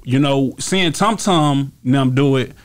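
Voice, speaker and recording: This Texan guest rapper in his thirties tells stories in a casual interview, speaking slowly in a mid-range voice. He's relaxed and rambling, leans on fillers and repeated phrases like "you feel me," and gestures as he talks into a stand-mounted studio mic, wearing headphones, in a small indoor podcast studio.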